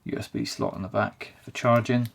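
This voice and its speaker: A man's voice: mid-range voice, animated, normal speed, gravelly. A man casually reviewing a camera on his boat, easygoing and thinking aloud as he goes. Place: on and around a canal boat.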